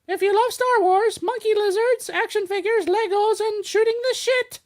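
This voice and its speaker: A New York woman co-hosting a podcast reads out network news and promos in an indoor studio with a teleprompter, joking around and stumbling through them. Her voice is extremely high-pitched and moves at a normal speed, and the chat is casual.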